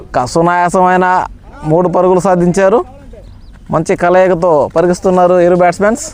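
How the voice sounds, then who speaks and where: A man giving live amateur cricket commentary in an excitable manner, repeating stock phrases of praise. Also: high voice, brisk.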